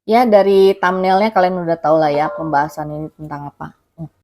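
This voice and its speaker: A woman's voice: low-pitched, level tone, fairly quick, darkish tone. A woman vlogger giving casual, rambling spoken commentary, thinking aloud as she goes, recorded on a phone. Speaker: vlogger commenting on a viral case.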